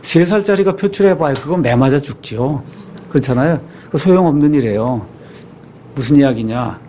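A male pastor giving a sermon at a mid-range pitch, talking it through like a chat with his congregation. He keeps checking in with rhetorical questions. A faint low rumble sits behind his voice. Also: expressive, normal speed, mellow. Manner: conversational preaching with frequent rhetorical questions.

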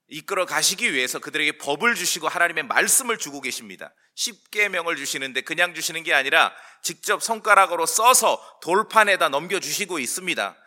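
A man preaching a sermon, emphatic, addressing the congregation with questions and slowing on key words. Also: on the high side, bright, forceful tone. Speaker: pastor.

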